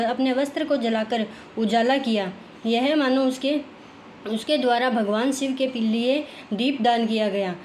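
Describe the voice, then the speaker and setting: A woman reading a scripture story aloud, halting and restarting many words as she goes. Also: a little high, darkish tone, a little hiss or hum. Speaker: scripture reader.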